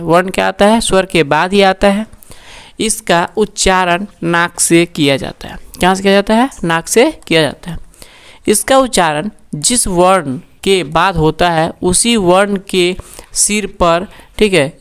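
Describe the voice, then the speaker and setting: A woman teaching a grammar lesson, who poses each question and then answers it herself, repeating key terms slowly for her pupils. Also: on the low side, clean tone. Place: recorded for an online class.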